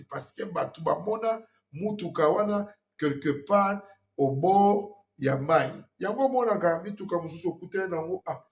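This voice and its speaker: Man, high voice, emphatic spiritual warning talk, dull lo-fi sound. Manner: earnest, emphatic, mixing Lingala and French. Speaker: host.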